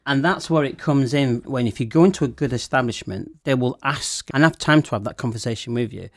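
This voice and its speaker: A man's voice: medium pitch, brisk, no echo, clean studio sound. A man explaining wine with enthusiasm in a casual panel chat. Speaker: wine expert guest.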